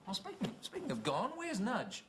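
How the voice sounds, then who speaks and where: A man's voice: high-pitched, wildly swooping pitch, moderate pace. An actor playing a teasing, fussing father in a sitcom. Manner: wry, teasing. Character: joking, fussing suburban dad. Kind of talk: sitcom acting. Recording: sitcom audio with laugh track and hiss.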